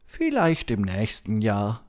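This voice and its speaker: A reader doing a gentle old turtle. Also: medium pitch, wildly swooping pitch, slow pace. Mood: wistful. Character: gentle old female turtle, modest and kind. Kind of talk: children's storybook reading.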